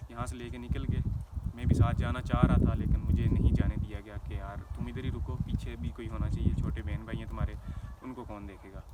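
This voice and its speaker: An earnest young man from Pakistan recounts a personal story for his vlog, slipping English phrases into his speech. He sits a little away from the microphone, and a loud noise floor runs under his voice the whole time. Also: mid-range voice, distant mic. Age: young adult. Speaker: vlogger.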